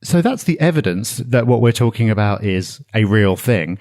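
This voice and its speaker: A man's voice: on the low side, expressive, normal speed, a little mellow. Man co-hosting a podcast. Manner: explanatory, citing figures with some filler ums. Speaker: podcast co-host. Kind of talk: casual podcast discussion.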